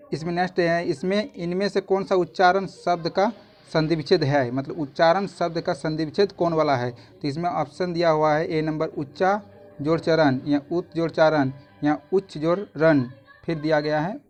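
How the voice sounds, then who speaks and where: A man's voice: a little high, a little mellow. A man, a YouTube tutor walking through exam answers in a casual, repetitive way that often restarts phrases.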